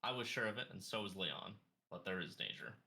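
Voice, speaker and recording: A man's voice: low voice, very animated, brisk, vocal fry, pushed and bright, slight background noise, heavily acted. A man voicing a grim male adventurer who speaks with dry, bitter sarcasm. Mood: grave. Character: grim male adventurer delivering bad news.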